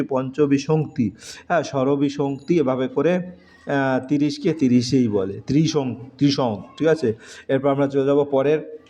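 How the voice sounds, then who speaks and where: Male tutor, mellow drawn-out recitation, lo-fi sound. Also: mid-range voice. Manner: slow, drawn-out recitation of letters and numbers. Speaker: teacher. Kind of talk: exam-prep lesson. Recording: dull lo-fi recording.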